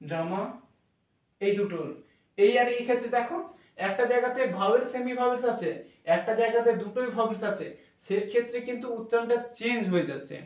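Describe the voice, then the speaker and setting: High-voiced man teaching pronunciation, echoey. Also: muffled recording. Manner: patient, repetitive, sounding out letters slowly. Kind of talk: classroom explanation. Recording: echoey room from far off.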